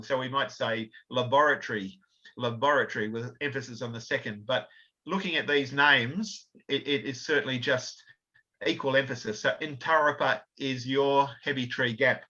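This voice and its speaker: A man's voice: medium pitch, normal speed, bright, forceful tone. A man gives an illustrated history talk, explaining slides with fillers and self-corrections. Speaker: author and researcher giving a talk. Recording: slightly dull lo-fi audio.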